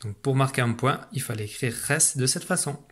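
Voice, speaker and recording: A man teaching a remote lesson to young children, patient and slow, repeating syllables for a dictation. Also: mid-range voice, fairly bright tone. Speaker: primary school teacher.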